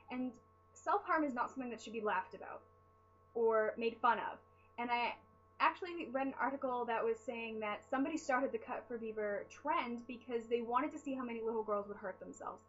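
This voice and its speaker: A tired young woman talks casually to her viewers, rambling off-topic and putting herself down. Her voice sits fairly high. The audio is dull and lo-fi, with a faint hum underneath. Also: fairly bright tone. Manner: chatty, rambling, self-deprecating. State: sleep-deprived. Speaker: vlogger answering fan questions. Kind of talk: casual chat.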